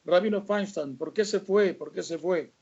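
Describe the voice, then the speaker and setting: Un hombre poniendo voz a una mujer mayor desconsolada que llora con desesperación. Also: female voice, lowish voice, moderate pace, creaky, a little mellow, husky, highs cut off, voice pushed up. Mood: distraught. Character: grieving older woman, wailing, desperate.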